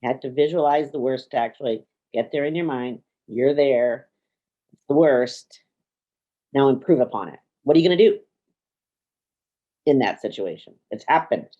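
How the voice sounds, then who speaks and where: Woman coach talking someone through it slow and calm, repeats stuff, bit dull lo-fi sound. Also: rumbling low. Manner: calm, slow and repetitive, drawing out key phrases. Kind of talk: guided coaching conversation.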